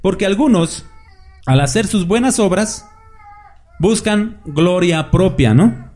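A man's voice: high-pitched, expressive, takes it slowly, a little mellow. A man preaching a conversational sermon, asking rhetorical questions and mimicking hypocrites in mocking asides.

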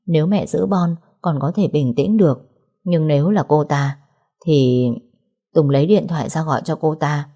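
A woman narrating a romance audiobook in a steady storytelling manner. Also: deep voice, normal speed.

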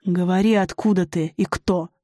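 A woman's voice: lowish voice, fairly even intonation, normal speed, mellow, no echo, clean studio sound, natural voice. Woman voicing a growling wolfish forest spirit. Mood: menacing. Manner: growling, rough demands. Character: snarling wolfish male forest spirit, cruel.

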